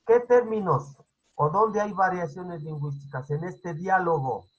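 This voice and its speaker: A man's voice: sits high, measured pace, low-quality recording. A male teacher giving an online class over a video call. He keeps checking understanding with "¿sí?" and repeats his points. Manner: repetitive, instructive.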